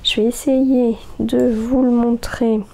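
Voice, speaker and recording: A woman's voice: a little high, flat delivery, takes it slowly, gravelly, mellow. A woman, chatting casually about her knitting projects as host of a crafting podcast, hesitant, with many fillers and restarts.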